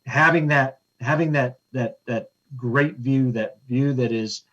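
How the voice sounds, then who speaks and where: A man speaking as a webinar panelist, earnest and halting, with frequent fillers and restarts. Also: medium pitch, a bit bright. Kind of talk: conversational commentary. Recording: dull lo-fi call audio.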